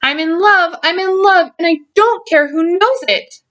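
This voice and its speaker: A woman reading a storybook, voicing an excitable, naive grown man who was raised as an elf, earnest and exclamatory. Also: medium pitch, normal speed, lo-fi sound, natural voice. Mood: giddy, elated.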